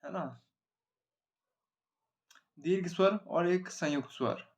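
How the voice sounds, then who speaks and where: A man's voice: high voice, slow pace, dull audio. A male grammar teacher giving an exam-oriented lesson at a board, explaining simply and often asking and answering his own questions. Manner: explains simply, repeats questions and answers them himself, asks 'है ना?' often.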